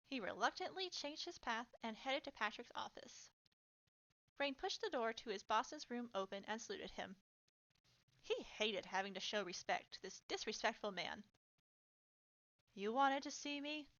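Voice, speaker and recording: Woman narrator reading fanfiction, slightly high, bright voice, lo-fi recording. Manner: steady storytelling narration. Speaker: fanfiction reader.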